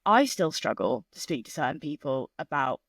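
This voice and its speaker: A woman in her twenties, a guest on a podcast, speaking in a thoughtful, measured and open way. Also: low voice, big pitch swings, vocal fry, no echo, studio quality. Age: 20s. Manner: thoughtful and measured, speaking openly about grief. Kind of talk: candid interview conversation.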